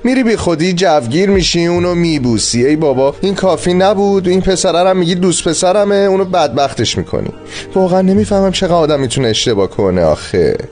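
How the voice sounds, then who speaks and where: A man dubbing a lively, exasperated young man in a drama. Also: sits high, faint music behind. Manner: animated, exasperated. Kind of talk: dubbed drama dialogue.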